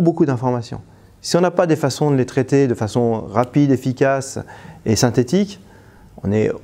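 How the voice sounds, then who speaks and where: A man with a mellow, mid-range voice and some vocal fry, a trainer and stress coach whose first language is French, speaks spontaneously in a testimonial. He sounds hesitant, restarting phrases and trailing off with fillers.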